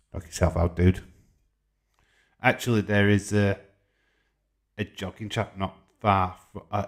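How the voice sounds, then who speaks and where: Reading out viewer comments and bantering informally in reply, this livestream host is a Yorkshire man in his forties with a Yorkshire English accent. His voice is fairly low and a little mellow.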